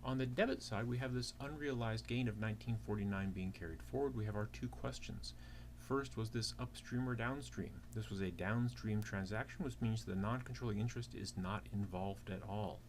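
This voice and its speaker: This clip is an instructional walkthrough of a worked problem, delivered by a man with a lowish voice at normal speed. Acting as a teaching assistant, he explains each step with rhetorical questions over clear background noise and keyboard typing.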